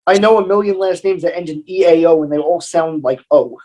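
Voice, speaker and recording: A man's voice: a little high, fairly quick, warm tone. A man co-hosting a podcast in casual chat, talking in an insistent, argumentative way. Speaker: podcast co-host.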